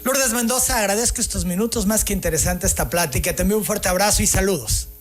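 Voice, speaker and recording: A man hosts a news interview, asking formal, probing questions in a high-pitched voice. Faint music sits underneath. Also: fast. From Mexico.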